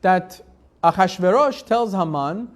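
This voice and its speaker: Speaking unhurriedly in a high-pitched, animated male voice, this rabbi leads a live Torah lesson. Verses are read in Hebrew and rendered phrase by phrase, with casual rhetorical questions, restarts and filler words along the way.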